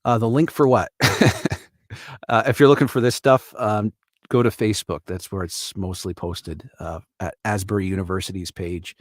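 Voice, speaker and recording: A man's voice: low voice, normal speed, no room sound, studio quality. A man from Canada hosting a live stream, talking casually in an earnest, reflective way. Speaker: livestream host.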